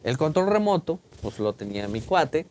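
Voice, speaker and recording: A man's voice: fairly high pitch, very animated, normal speed, darkish tone, a little hiss or hum. A man telling a ghost story in casual chat, acting out voices and sounds. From Mexico. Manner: colloquial, vivid, acts out quotes and sounds. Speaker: podcast host.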